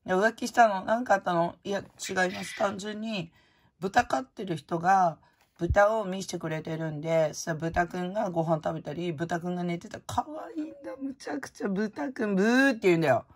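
A woman's voice: fairly low pitch, fairly quick. A woman vlogger chatting casually and frankly as she opens prizes, rambling from topic to topic. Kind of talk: casual chat while opening prizes.

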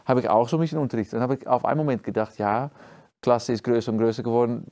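A man in his forties from Friesland with a Dutch accent, a trombone professor answering interview questions in German with many restarts and fillers, in a dark studio. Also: medium pitch, steady tone, very fast. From Friesland, Netherlands. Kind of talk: interview conversation. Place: dark studio stage, indoors.

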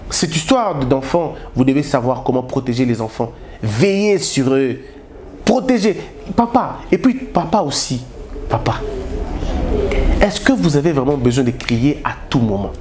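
A man's voice: high-pitched, a little mellow, a little hiss or hum. A man from Congo, giving a moralizing public address full of rhetorical questions and exhortations. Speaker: speaker on family values.

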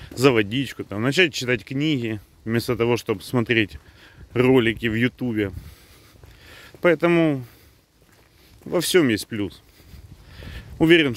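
A man giving a casual vlog update outdoors, talking unhurriedly in halting phrases. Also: medium pitch. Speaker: vlogger. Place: outdoors on a dirt road.

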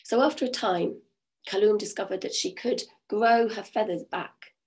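Telling a folk tale at an online event, a woman storyteller speaks in a croaky, mid-range voice at a moderate pace. She keeps the delivery rhythmic, repetitive and calming.

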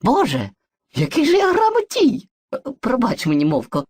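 A woman's voice: a little high, huge pitch swings, moderate pace, a little mellow, husky, no echo, clean studio sound, heavily acted. A woman voicing Surzhyk, an eager, muddled boy who is personified mixed speech, in an educational cartoon, boastful and hesitant by turns. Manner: boastful, hesitant, playfully theatrical.

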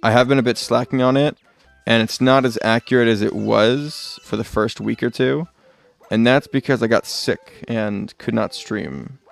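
A man's voice: mid-range voice, normal speed, creaky, soft background music. A man streaming a video game live, chatting casually and rambling, often muttering asides and correcting himself. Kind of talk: casual live gameplay chat.

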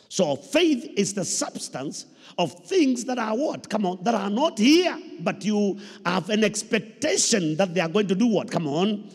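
A husky, somewhat mellow voice that sits high belongs to a middle-aged Kenyan pastor. He preaches emphatically on a handheld mic, returning to key phrases and asking his audience questions for them to answer. The recording has the echoey PA quality of a large indoor church hall.

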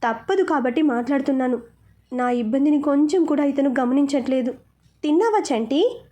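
A woman's voice: sits high, steady tone, a little fast, dark tone. A woman narrating a romantic story in the first person, reading it with emotion.

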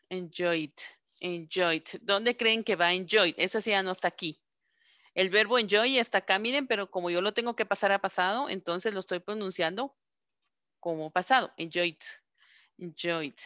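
For pronunciation practice, a female teacher in an online class repeats every English verb at a slow, patient pace. Her bright, clear medium-pitched voice is miked close and dry, leaving no room sound.

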